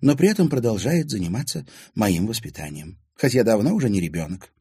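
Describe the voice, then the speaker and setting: A man's voice: lowish voice, big pitch swings, brisk, warm tone, husky, no echo, studio quality, pitched above the performer's own voice, heavily acted. A man voicing an earnest young woman in an audiobook, plain-spoken and direct.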